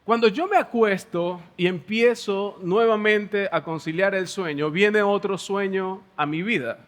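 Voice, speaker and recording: A Venezuelan pastor preaching a sermon in a church hall, telling personal stories in an animated way and laughing between lines. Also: male voice, high-pitched, unhurried. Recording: long church hall reverb.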